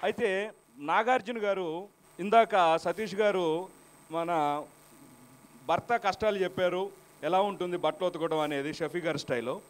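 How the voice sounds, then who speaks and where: A man's voice: high voice, unhurried, pauses often, a little hiss or hum. A man, a mimicry artist, chatting on stage to set up his impressions. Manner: chatty, sets up each impression. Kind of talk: stage patter between impressions.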